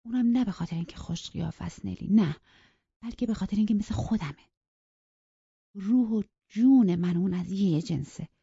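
A woman's voice: mid-range voice, creaky, dark tone, husky, no echo, voice pushed up. A woman voicing a passionate, headstrong young woman in love, talking in an impassioned, pleading and defiant way. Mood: wistful. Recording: dry, dull lo-fi recording.

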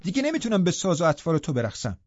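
A man's voice: a little high, wildly swooping pitch, no echo, pitched above the performer's own voice. A man doing a scornful, angry young woman. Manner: sharp, scolding, indignant. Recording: dull lo-fi recording.

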